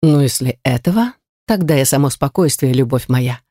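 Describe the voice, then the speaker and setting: A woman voicing a smug, domineering male rector who teases in a low, mocking drawl. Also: animated, normal speed, warm tone, dry recording, studio quality. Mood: teasing.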